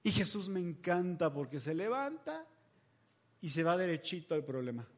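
Pastor, high voice, casual jokey sermon delivery. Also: male voice, sing-song, normal speed. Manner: chatty, humorous storytelling.

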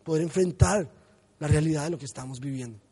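A man, a pastor preaching a sermon with animated storytelling. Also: on the high side, fast talker, husky. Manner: animated storytelling, acts out voices.

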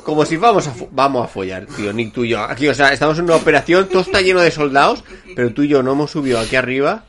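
A man from chatting casually about a film, animated and acting out scenes with laughs. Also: mid-range voice, racing, hardly any pauses. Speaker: podcast co-host.

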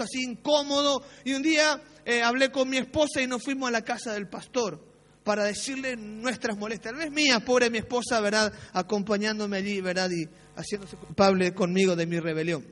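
Very high-voiced man preaching in a reverberant hall. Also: a little fast, a bit bright. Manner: anecdotal, self-mocking, frequent tag questions. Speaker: pastor. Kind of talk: sermon with personal storytelling. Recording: long reverb of a church hall.

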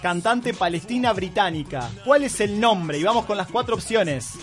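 A Uruguayan man with a Rioplatense accent runs a playful radio quiz. His voice sits high and bright, jokey and quick to tease, with faint music in the background. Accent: Rioplatense Spanish, Uruguayan. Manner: animated, jokey, shouts when excited. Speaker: radio show host.

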